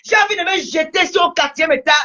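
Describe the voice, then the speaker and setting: A woman's voice: very high voice, fast talker, bright, forceful tone, muffled recording. A woman with a Cameroonian French accent in a heated, scolding social media rant, repeating herself, her voice cracking at times. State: angry.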